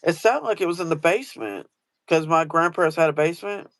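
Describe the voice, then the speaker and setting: A man's voice: fairly high pitch, brisk, a bit bright, no echo. A man chatting casually as host, rambling through a story with many fillers and restarts. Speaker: host asking guest questions.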